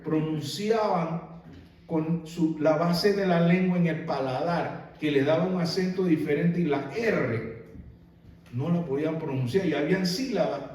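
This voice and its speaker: A man preaching a sermon as pastor, animated and asking the congregation rhetorical questions. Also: on the high side, measured pace. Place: church sanctuary. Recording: very echoey hall, mic far off.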